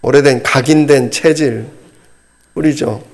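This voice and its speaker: A middle-aged man preaching a storytelling sermon, animated and wry, laughing at himself as he tells it. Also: mid-range voice, unhurried.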